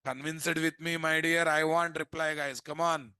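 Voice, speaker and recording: A man's voice: on the high side, level tone, moderate pace, bright, forceful tone, clean tone, no room sound. A man with an Indian accent lecturing to students as an instructor, prompting them with repeated questions that he often answers himself. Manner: prompting, repetitive, asks and answers his own questions. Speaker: programming instructor.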